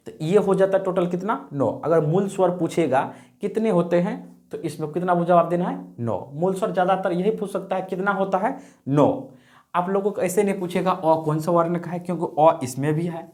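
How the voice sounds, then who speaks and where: A man teaching a grammar class. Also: a little high. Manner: repeats key words and asks the class questions. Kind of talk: grammar lesson.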